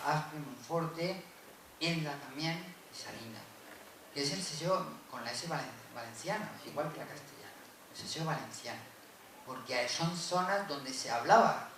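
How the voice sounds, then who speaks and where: A man's voice: medium pitch, creaky, fairly bright tone. A man giving an academic conference lecture, explaining step by step, often adding tag questions and correcting himself. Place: university lecture room. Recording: very echoey room, from far off, with noise.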